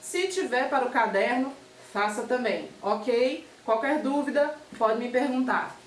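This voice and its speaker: A woman's voice: a little high, a little slow, slight background noise. A Brazilian woman teaching a remote primary school lesson, patiently spelling out examples and checking in with her pupils. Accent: Brazilian Portuguese. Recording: echoey room, far from mic.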